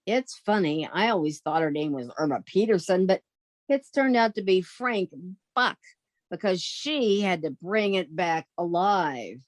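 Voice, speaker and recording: A woman's voice: fairly low pitch, animated, a little slow, no echo. Woman as a sensible, wry young radio-comedy roommate. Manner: wry, exasperated, theatrical. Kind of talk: old-time radio comedy acting.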